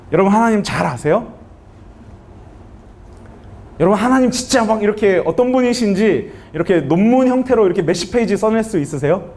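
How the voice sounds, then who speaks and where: Brief: male pastor, high voice, big swings in pitch, animated storytelling sermon. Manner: animated storytelling, asks the audience questions. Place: university chapel.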